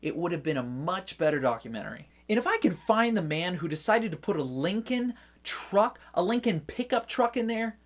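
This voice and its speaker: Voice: mid-range voice, sing-song, moderate pace, few pauses. A casual movie reviewer talking straight to the viewer. The delivery is chatty and loose, with lots of filler words and little joking asides that wander off track.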